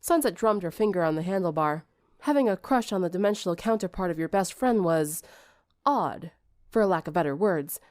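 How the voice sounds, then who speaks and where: A woman narrates scripted fiction for an audiobook in a fairly low, darkish voice with lively intonation at a normal pace. The recording is dry and has a clean studio sound.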